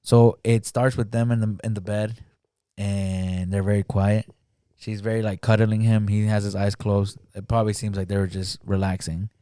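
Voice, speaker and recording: A man chatting as a podcast guest in a fairly low, mellow voice, recorded dry and close. He talks in a halting, filler-heavy way. He keeps slipping into acted-out lines as he retells a film. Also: flat delivery, clean tone, no echo. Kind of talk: casual podcast chat. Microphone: studio podcast mic.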